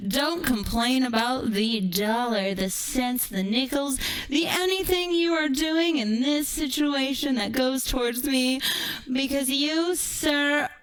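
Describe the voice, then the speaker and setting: On a low-quality recording, a woman livestreamer with a high-pitched, smooth voice delivers a tongue-in-cheek monologue to her viewers. She teases them in a drawn-out, dramatic way, often sinking toward a whisper.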